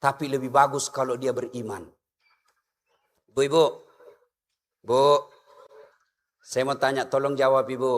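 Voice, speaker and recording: A middle-aged man giving a humorous sermon, animated and asking the audience questions. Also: mid-range voice, a little slow, long pauses. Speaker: preacher. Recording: echoey hall with long reverb.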